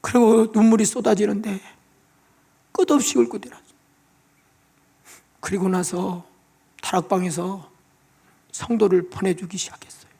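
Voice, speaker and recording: Male pastor, high gravelly voice, emotional testimony sermon in a church. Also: little pitch movement, moderate pace, pauses often, warm tone. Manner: emotional testimony, tearful pleading prayers. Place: church sanctuary.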